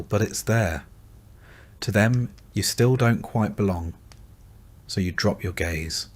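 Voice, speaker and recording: A man with a somewhat low voice reads a scripted bedtime story. He speaks calmly and gently, addressing the listener as "you" throughout. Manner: calm, gentle second-person storytelling. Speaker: sleep story narrator.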